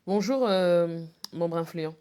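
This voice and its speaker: A woman's voice: lowish voice, slow pace, dark tone, a little hiss or hum. A woman hosting a live stream, teasing, laughing often and asking her viewers questions. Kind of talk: mocking live commentary.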